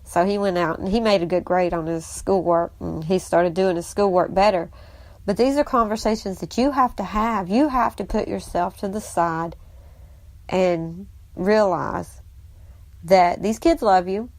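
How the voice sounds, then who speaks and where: A woman's voice: medium pitch, measured pace, no echo. A woman, talking casually as a host and stepmom, telling family stories and giving advice. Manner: chatty storyteller, animated when quoting the kids.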